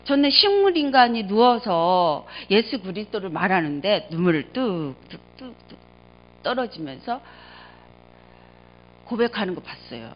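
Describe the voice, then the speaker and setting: A middle-aged woman pastor preaching a sermon, telling stories with strong feeling, rising to loud cries and dropping to quiet low asides. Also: very animated, unhurried, a little hiss or hum. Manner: emotional storytelling, swings between loud exclamations and quiet low asides. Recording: dull lo-fi sound.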